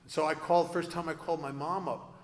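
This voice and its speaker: A man's voice: fairly high pitch, steady tone, quick pace. A man giving a personal recovery talk to an audience, earnest and confessional with self-deprecating humor. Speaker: speaker at a recovery convention. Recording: echoey hall with long reverb.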